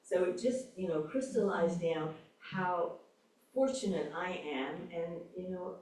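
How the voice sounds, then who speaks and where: A woman's voice: lowish voice, measured pace, darkish tone. A woman at a congregation gathering telling a reflective personal story, with frequent restarts. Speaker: congregation member sharing. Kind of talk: casual group sharing. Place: large echoey church hall. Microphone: room mic from a distance. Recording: echoey hall, voice from far off.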